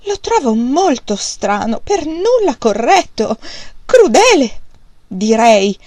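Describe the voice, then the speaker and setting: A woman reading an audiobook, voicing an anxious, indignant middle-aged mother with shrill, plaintive exclamations. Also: animated, normal speed, no echo, natural voice.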